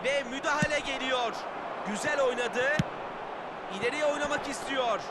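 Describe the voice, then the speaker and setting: A man giving excited play-by-play football commentary in for a video game, raising his voice as he calls players and goals. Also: extremely high pitch, moderate pace. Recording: loud noise behind the voice.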